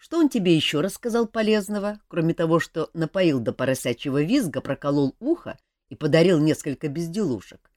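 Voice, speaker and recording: A woman playing a composed male leader, calm and dryly ironic, low in pitch. The lines move with lively, varied intonation in a dry, close recording. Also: brisk, no echo.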